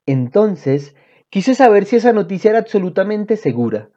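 A woman reading a children's book aloud in an expressive storytelling manner. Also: medium pitch, moderate pace. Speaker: reader. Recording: dull lo-fi audio.

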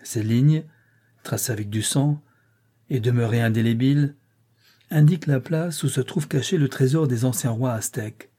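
Guy doing a sly menacing villain, fake-gentle threats, mellow and husky. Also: mid-range voice, normal speed, natural voice. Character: menacing, hypocritically smooth villain man.

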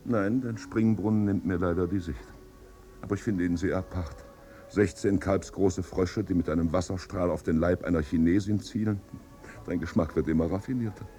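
An actor playing a worldly, ironic gentleman in a 1950s radio drama, with a dry, wry manner. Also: deep voice, fairly even intonation, normal speed, faint music behind, close to an everyday voice.

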